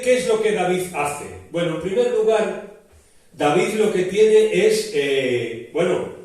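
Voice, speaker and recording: A male pastor from delivers a sermon, explaining patiently with restarts and rhetorical asides. His voice sits a little high. The mic is some way off, and the church hall rings with heavy echo. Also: darkish tone. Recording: very echoey church hall from a distance.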